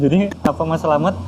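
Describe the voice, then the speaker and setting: A man telling his personal conversion story in a casual interview, animated and acting out his parents' voices. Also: fairly high pitch, noisy background. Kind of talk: casual spoken testimony.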